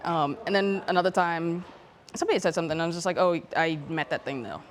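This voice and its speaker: Woman, young adult, Bahamian accent, low voice, rapid speech, animated storyteller, interview guest. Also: slight background noise. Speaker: guest athlete. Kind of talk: casual interview chat.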